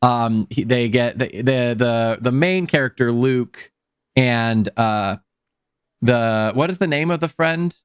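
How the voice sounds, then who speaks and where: A man's voice: mid-range voice, slow pace, clean tone, no room sound, studio quality. A man co-hosting a casual movie podcast, thinking aloud in a laid-back way with some hesitations.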